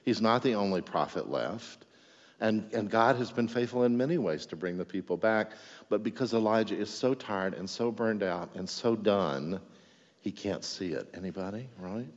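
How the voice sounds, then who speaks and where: A man's voice: fairly low pitch, animated, moderate pace. A man preaching a sermon as a pastor, in a conversational way that keeps checking in with the congregation. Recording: echoey hall, dull lo-fi sound.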